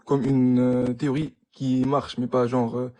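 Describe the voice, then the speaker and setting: A man's voice: mid-range voice, level tone, measured pace, mellow. A young man, a student debating casually in broken French, stammering and repeating himself as he gropes for words. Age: young adult.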